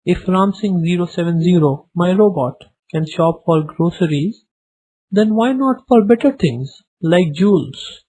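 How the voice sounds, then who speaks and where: A man's voice: sits high, a little slow, warm tone, slightly rough, rough recording. A man playing a scheming customer buying a robot, speaking hesitantly in a business-like way.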